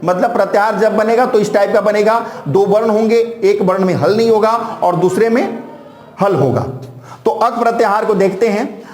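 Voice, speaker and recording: A man teaching Sanskrit grammar in a classroom style, reciting syllables one by one in slow lists and calling his students "beta". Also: high-pitched, a little mellow, echoey room.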